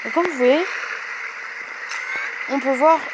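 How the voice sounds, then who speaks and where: Young female gaming host, high-pitched, chatty and excitable, over a noisy background. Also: slow. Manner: chatty, rambling, many hesitations; excitable, bursts out when she wins. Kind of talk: casual mobile game commentary.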